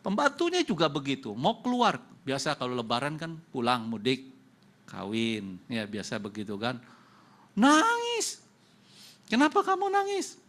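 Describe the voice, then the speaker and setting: A middle-aged man delivering a sermon from the pulpit in a middle-range voice. He often breaks into loud, high-pitched emphasis. He turns to his congregation with direct questions as he tells his stories. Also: very animated, normal speed. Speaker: pastor. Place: church hall.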